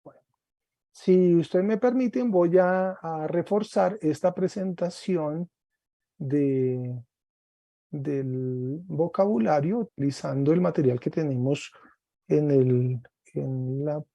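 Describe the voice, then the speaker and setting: Slow, gravelly-voiced man teaching a class. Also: a little high, dark tone, dry recording. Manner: slow, explains step by step, asks "¿cierto?". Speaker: Greek teacher. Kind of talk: online class lecture.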